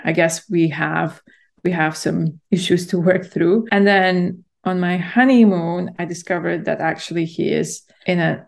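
Latvian-raised woman with a gravelly voice. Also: lowish voice, darkish tone. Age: 30s. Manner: reflective, many fillers and restarts. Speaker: podcast guest. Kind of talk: conversational storytelling.

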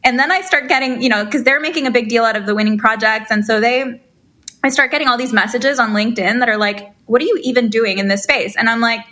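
A woman from Honduras, a co-founder guest telling her background in an energetic, casual interview. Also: on the high side, fast talker.

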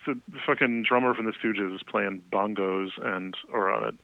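A man's voice: on the low side, normal speed, creaky, no room sound. A man, a music journalist, telling interview stories in casual, rambling chat full of fillers. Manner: rambling, many fillers, laughs often. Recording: tinny phone-like line, dry.

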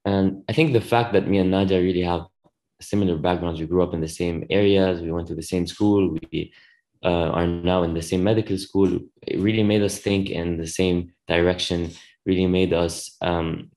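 A young man from Lebanon speaks as a guest in a podcast interview, earnest and measured. His voice sits very low with a gravelly edge. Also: fairly even intonation, a little mellow, rough recording. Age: 20s. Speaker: medical student guest.

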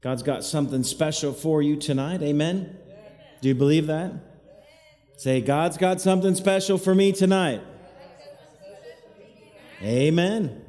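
This associate pastor has a warm voice on the high side, speaking a little slowly and pausing often. At an evening service in a church hall he leads call-and-response, having the crowd repeat after him, and his words echo as if in a cave.

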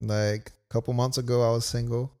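Brisk and flat in delivery, this young man has a medium-pitched voice with a darkish tone. As a podcast co-host, he casually tells a personal story in a laid-back way, with lots of "like"s and quoted asides.

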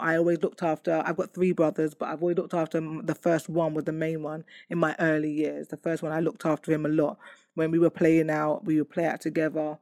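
This personal testimony comes from an adult woman with a low, loud voice. She reflects candidly, frequently restarting and using fillers. The studio recording is clean, with no room sound.

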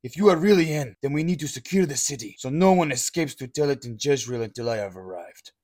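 A man's voice: medium pitch, animated, fast, a little mellow, natural voice. An actor playing a stern army captain newly made king, with blunt, commanding orders. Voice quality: gravelly, husky.

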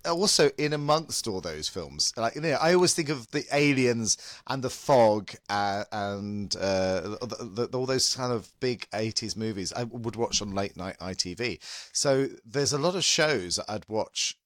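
Campy, theatrical drag queen, very animated. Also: lowish voice, a little slow, no echo, clean studio sound. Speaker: podcast host. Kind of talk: casual film and TV chat.

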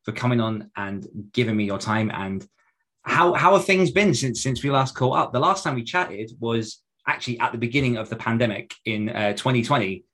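A man hosting a casual podcast interview, with hiss on his microphone from a loud computer. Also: mid-range voice, a little fast, hardly any pauses.

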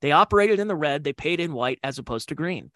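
A man's voice: a little high, animated, quick pace, bright, forceful tone, dry recording. A man hosting a podcast, telling comedy club stories in a rambling, digressive way with slangy asides. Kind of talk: casual storytelling.

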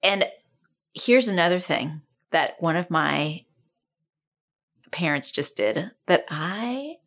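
Female co-host and coach, animated, varied intonation, acts out quotes in chatty podcast talk. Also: fairly low pitch, takes it slowly. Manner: animated storyteller, quotes others in exaggerated voices, laughs often. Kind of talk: casual podcast chat.

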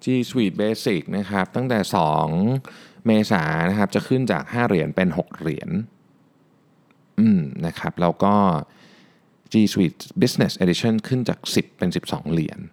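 A man's voice: lively intonation, unhurried, darkish tone. A middle-aged man hosting a casual question-and-answer show, thinking aloud with many fillers and repeated words. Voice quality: low gravelly voice. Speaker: host answering listener questions. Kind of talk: casual solo Q&A podcast.

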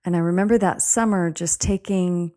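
A woman's voice: lowish voice, fairly even intonation, moderate pace, warm tone. A middle-aged woman podcast host talking reflectively in a personal monologue.

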